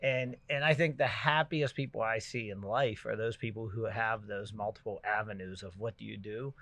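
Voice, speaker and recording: A middle-aged man hosting a podcast, chatting casually and telling stories with loud bursts when he gets excited. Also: fairly low pitch, moderate pace, no room sound. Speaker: podcast host. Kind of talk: casual chat.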